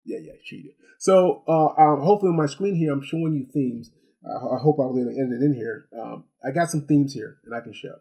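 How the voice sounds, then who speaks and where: Talking fast, a gadget review host gives a loose, unscripted product review full of repeated words, rhetorical asides, and "right?" check-ins. His voice is medium-pitched, mellow, and slightly rough.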